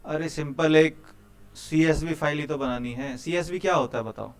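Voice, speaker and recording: A man's voice: fairly high pitch, steady tone, moderate pace, clear, resonant tone. Chatty Hindi-speaking coding teacher, man. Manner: chatty, quizzes students, keeps saying "bhai". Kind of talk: live coding class with students.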